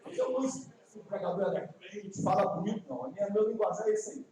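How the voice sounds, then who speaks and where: A man from Ceará in his fifties, with a Northeastern Brazilian accent, preaching an evangelistic sermon with folksy asides and slow, emphatic lines. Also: sits high, a crowd in the background. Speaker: guest preacher. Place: church sanctuary. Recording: echoey distant church livestream.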